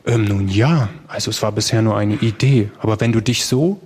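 A man's voice: medium pitch, animated, normal speed, vocal fry, darkish tone, breathy edge. A man doing a hesitant, skeptical patron. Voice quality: hesitant, probing.

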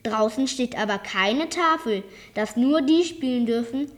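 A woman voicing a clever, cheeky boy who calmly talks back to an adult. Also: fairly high pitch, a little slow. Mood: sly.

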